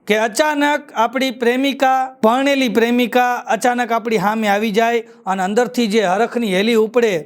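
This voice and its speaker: A man telling jokes on a live stage show with a Kathiyawadi Gujarati accent, spinning stories with repeated punchlines. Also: very high voice. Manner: storytelling with repeated punchlines, chuckles at his own jokes. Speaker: stand-up comedian.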